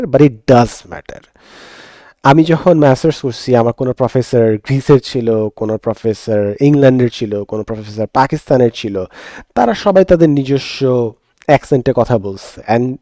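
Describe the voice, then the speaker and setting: An earnest young man from Bangladesh, a teacher, talks through his thoughts in a reflective monologue. He moves freely between Bengali and English within sentences. His voice is mellow and relaxed, and it is recorded dry and close, with no room echo. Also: mid-range voice.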